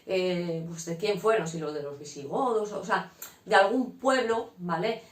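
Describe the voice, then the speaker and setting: A woman's voice: on the low side, a little slow. A woman, teaching a casual lesson to her students and checking in often with short questions as she explains. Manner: frequent "¿vale?" check-ins, explanatory. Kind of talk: casual classroom lecture. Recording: echoey room.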